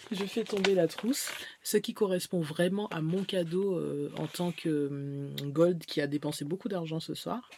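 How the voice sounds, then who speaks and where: A woman's voice: fairly low pitch, background noise. A woman beauty vlogger chatting through a haul video, rambling and hesitant as she shows items one by one.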